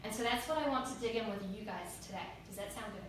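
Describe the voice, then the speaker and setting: A woman's voice: mid-range voice, fast talker. Echoey, distant New Zealand woman giving motivational keynote. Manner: storytelling with rhetorical questions to the audience. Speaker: keynote speaker. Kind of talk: motivational keynote talk to a live audience. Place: indoor event room with an audience. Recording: distant mic, echoey room, noisy.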